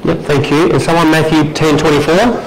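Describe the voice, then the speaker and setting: A Romanian discipleship trainer gives a teaching talk with stories, his voice on the high side, steady in tone and fairly quick. Earnest, he restarts a lot and gestures while standing. A far camera picks him up in a small indoor meeting room that's echoey with background noise.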